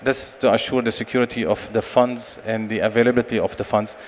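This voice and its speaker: A man in his forties, a company director, giving a conference sales pitch and answering questions with many fillers and restarts into a handheld mic. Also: fairly even intonation, quick pace. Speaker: company managing director presenting. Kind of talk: conference presentation and Q&A. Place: large expo stage hall. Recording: long hall reverb, faint noise.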